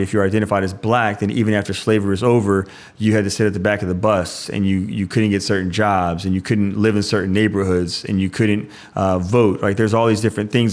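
A priest with a voice on the low side hosts a show, explaining a scripture passage conversationally. He often restarts his sentences and adds "like" asides.

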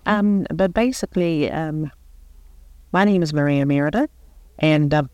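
A New Zealand woman of about sixty who chairs a local board gives a radio interview, speaking earnestly and unhurriedly and pausing to find her words. Her voice is low, darkish and smooth, and the recording is dry.

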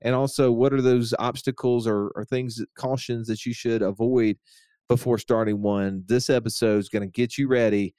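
Relaxed male podcast host, dry sound. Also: mid-range voice, moderate pace, clear, resonant tone, no room sound. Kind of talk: casual chat.

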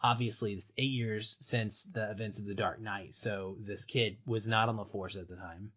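A man's voice: lowish voice, fairly even intonation, moderate pace, a bit bright, breathy edge, muffled recording. A man co-hosting a podcast, talking through a film in casual, enthusiastic analysis with earnest emphasis and frequent digressions. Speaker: podcast co-host.

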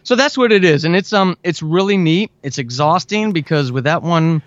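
A man with a slightly high, lively voice speaks at a moderate pace, recorded dry with no echo but dull audio. He's an audio drama writer appearing as an interview guest, chatting casually and earnestly with obvious enthusiasm for his craft.

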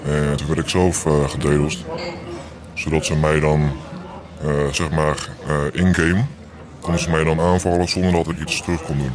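A young man in his twenties, his voice disguised with an effect that makes it sound very deep. He talks hesitantly with many fillers. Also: flat delivery, normal speed, a crowd in the background. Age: 20s. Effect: voice disguised by pitching it down to sound very deep. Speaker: interviewed hacker. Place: small café.

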